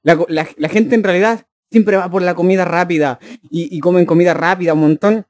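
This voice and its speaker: A man's voice: sits high, steady tone, a little fast, a little mellow, no room sound. A man, a streamer joking and chatting casually with his live chat. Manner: joking, teasing, addressing chat directly.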